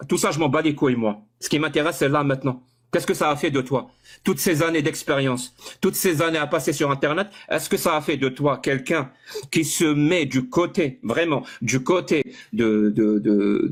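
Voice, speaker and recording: In a heated online debate, a man with a mid-range voice presses his point insistently, frequently stumbling and repeating words as he argues.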